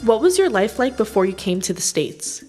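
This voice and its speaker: A woman narrating a family history and interviewing her grandmother, reading her script in a clear, measured way. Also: a little high, sing-song, darkish tone, soft background music.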